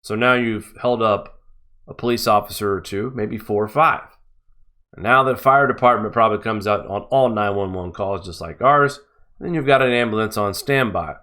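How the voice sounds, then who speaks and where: A man's voice: on the low side, normal speed, pushed and bright. A man hosting a live-stream news show, giving mocking, sarcastic commentary.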